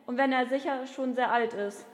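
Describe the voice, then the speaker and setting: A woman's voice: high voice, steady tone, normal speed, in a large hall, close to an everyday voice. A woman playing a proud, stubborn young nobleman who insists on who he is in an audio drama.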